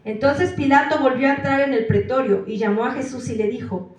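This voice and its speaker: A woman's voice: high voice, a little fast. A woman preacher in a church, reading scripture aloud verse by verse, calling out the verse numbers and asking the listeners questions. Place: church hall. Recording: echoey church hall from far off.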